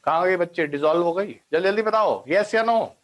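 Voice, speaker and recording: A man's voice: high voice, fairly quick, fairly bright tone. A man giving an online biology class, explaining step by step, mixing in English science terms and often checking that students follow. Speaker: biology teacher.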